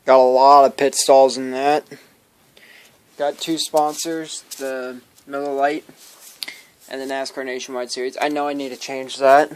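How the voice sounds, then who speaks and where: A man's voice: medium pitch, little pitch movement, measured pace, clean tone. A man casually showing his hobby collection to viewers, rambling and stumbling over his words as he goes. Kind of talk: casual show-and-tell vlog.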